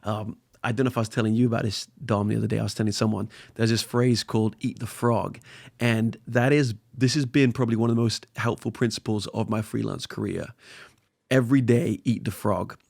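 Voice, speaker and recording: A man's voice: on the low side, steady tone, brisk, gravelly, darkish tone, no room sound, clean studio sound. A man guesting on a podcast, talking earnestly and motivationally, often repeating words as he thinks. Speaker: podcast guest, spoken word artist. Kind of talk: casual conversation.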